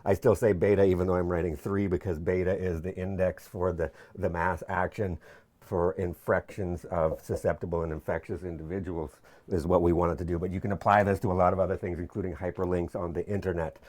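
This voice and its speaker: A man's voice: low voice, flat delivery, brisk, darkish tone. A young man explaining his PhD research in an informal whiteboard lecture, chatty and jokey, often restarting his sentences. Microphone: camera mic.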